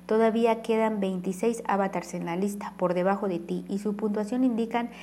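A woman voicing a sharp, firm young gamer ally in an audiobook. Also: medium pitch, steady tone, a little fast, a little hiss or hum, lightly acted. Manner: firm and corrective.

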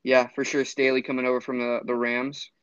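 A man's voice: medium pitch, level tone, brisk, a bit bright, clear, resonant tone, no room sound, lo-fi sound. A man co-hosting a sports podcast, rambling with fillers and restarts. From Florida. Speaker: podcast co-host. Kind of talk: casual sports chat.

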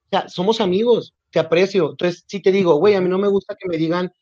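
A man with a mexican accent telling stories on a podcast, slightly high voice, acts out what people said to him, dull dry recording. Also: fast, dry recording. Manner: animated storytelling, acts out quoted dialogue. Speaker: podcast guest. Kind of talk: casual podcast conversation.

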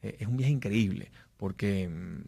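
A man's voice: lowish voice, measured pace, vocal fry, mellow, breathy edge, no echo. Guy giving a motivational business talk, rambly storytelling, dry close sound. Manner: storytelling, frequent fillers and restarts. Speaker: business speaker.

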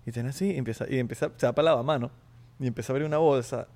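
A man's voice: medium pitch, very fast. A young man with a Venezuelan Spanish accent, co-hosting a casual chat and telling jokey stories full of slang. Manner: animated, joking, slangy storytelling. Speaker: podcast co-host.

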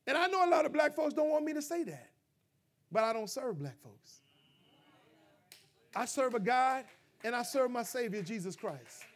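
A middle-aged male pastor preaching a sermon, rising to loud, emphatic peaks and dropping to low, quiet asides. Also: lively intonation, moderate pace, long pauses.

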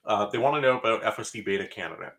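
Animated man reading out chat comments. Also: lowish voice, rapid-fire. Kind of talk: casual group chat.

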